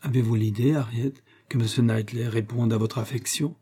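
A man's voice: mid-range voice, steady tone, normal speed, dark tone, breathy edge, close to an everyday voice. A man voicing a clever, proud young woman in a read-aloud novel, speaking in a raised, earnest way.

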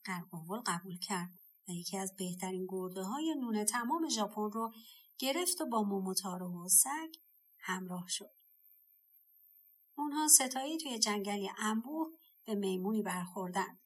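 A woman narrating a folk tale audiobook in a measured, gentle way. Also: mid-range voice, animated, slightly rough. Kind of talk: storybook narration.

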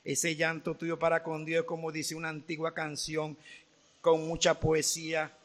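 A man preaching a sermon, acting out quotes and swinging between loud outbursts and hushed asides. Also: fairly high pitch, monotone, a little slow. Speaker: pastor. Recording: long hall reverb.

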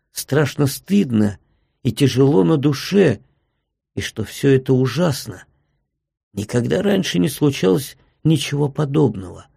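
A man narrating classic prose in a measured, even storytelling voice. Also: medium pitch, creaky, husky, dry recording, studio quality. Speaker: audiobook narrator.

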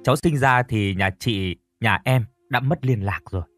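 A man's voice: medium pitch, normal speed, fairly bright tone, soft background music, lightly acted. A man playing a humble, earnest father who speaks politely and deferentially.

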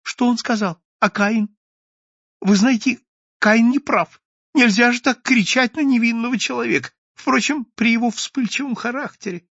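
A man's voice: very high voice, normal speed, a bit bright, slightly rough, no room sound, lo-fi sound, pitched above the performer's own voice, heavily acted. A man voicing a timid, fussy male office clerk who whispers anxious questions nonstop in an audiobook. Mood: fretful.

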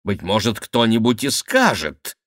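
A man playing a worried king who fires off urgent, questioning lines in a lively voice of middle pitch. The sound is dry and close to the mic. It sounds like a storybook reading. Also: a little slow, dry recording, exaggerated voice. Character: worried middle-aged king, anxious and commanding.

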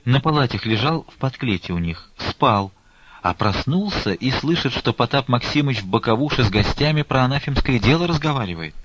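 A man's voice: medium pitch, lively intonation, a little fast, a bit bright, a little hiss or hum, voice pushed up, natural voice. A man voicing a humble, anxious old nun who speaks meekly and laments, on a dull lo-fi recording. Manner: meek, fussy and lamenting.

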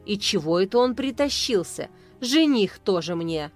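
A woman's voice: mid-range voice, lively intonation, normal speed, soft background music, lightly acted. A woman reading the part of a scheming female friend who speaks with sugary false sympathy. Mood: spiteful.

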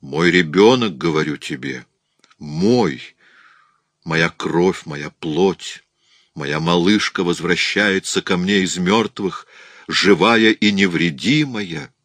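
A hoarse, possessive mother lost in frenzied longing, voiced by a male audiobook reader. She speaks with fervent, raised intensity, low in register and close and dry on the microphone. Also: slow pace, fairly bright tone, no room sound, full character voice. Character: grieving mother, middle-aged woman, hoarse and obsessed. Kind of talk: audiobook character voice.

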